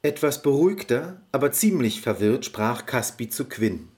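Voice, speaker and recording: A man narrating a fairy-tale audio story in an expressive storybook manner. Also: mid-range voice, normal speed.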